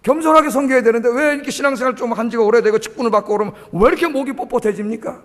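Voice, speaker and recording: A middle-aged man preaches from the pulpit with a voice pitched well above most men. He presses his points hard and keeps throwing questions back at the congregation. The sound carries a long church-hall reverb. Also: very fast, fairly bright tone. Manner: emphatic, keeps asking the congregation rhetorical questions and prompting "eh?". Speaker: pastor. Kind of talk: sermon. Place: church sanctuary.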